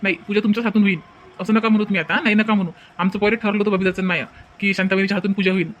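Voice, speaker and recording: A man's voice: sits high, steady tone, rapid-fire, a bit bright, a little hiss or hum. A man voicing a humble, earnest village man in a cartoon. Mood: insistent.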